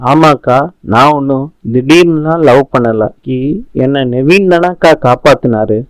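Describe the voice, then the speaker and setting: A man's voice: mid-range voice, measured pace, clear, resonant tone, dry recording, close to an everyday voice, poor audio. A man reading the lines of a pleading young woman student, earnest and upset, in a dry recording.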